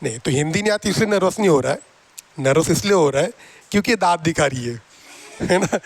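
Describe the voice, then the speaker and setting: A man teaches a classroom math lesson in a noticeably high voice. He jokes and teases his students, coaxing them again and again to answer. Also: creaky, no room sound. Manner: teasing, joking with students; coaxing and repetitive.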